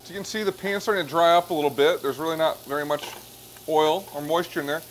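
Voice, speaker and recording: A man in his thirties, a chef, talks through a pasta dish step by step by a hot stove in a restaurant kitchen, with music playing underneath. His voice is a little high and fast, and he stays relaxed, explaining each step as he cooks in this cooking demonstration.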